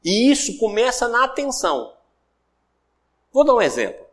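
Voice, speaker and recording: A man with a Brazilian Portuguese accent gives a recorded self-development course lecture, speaking conversationally, repeating phrases for emphasis, and animatedly acting out everyday examples in quoted voices. His very high voice moves at normal speed, with a long reverb tail.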